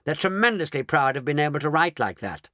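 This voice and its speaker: A man voicing an eccentric, excitable male chocolate maker, speaking in a theatrical, exclamatory way. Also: on the high side, brisk, no echo, clean studio sound. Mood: explaining eagerly.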